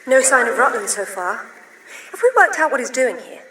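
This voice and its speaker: Lara Croft, a cool witty English adventurer. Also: female voice, fairly high pitch, very animated, normal speed, heavy background noise. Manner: dry, cool, teasing wit. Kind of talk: video game cutscene acting. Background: game music.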